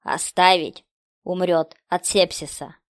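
A woman voicing a cruel, mocking hidden maniac in a horror story, speaking slowly with a hiss. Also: lowish voice, steady tone, clear, resonant tone, no room sound, studio quality. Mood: menacing. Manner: slow, taunting, hissing delivery.

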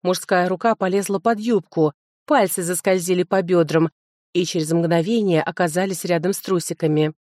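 A woman narrating a first-person audiobook in an even, measured way. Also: on the low side, no echo, studio quality.

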